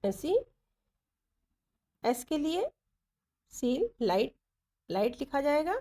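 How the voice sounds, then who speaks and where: A woman teaching shorthand, going through each letter slowly and repeating the strokes as she writes them. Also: sits high, sing-song, mellow. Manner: deliberate, repeats letters and directions while writing. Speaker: stenography teacher. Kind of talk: slow step-by-step lesson explaining shorthand strokes.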